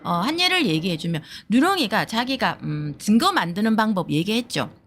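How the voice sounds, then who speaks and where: Blunt, animated Korean-speaking woman talker. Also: medium pitch, fairly quick, slight background noise. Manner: blunt and profane, acts out quoted voices. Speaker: streamer giving advice to viewers. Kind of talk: heated casual talk to viewers.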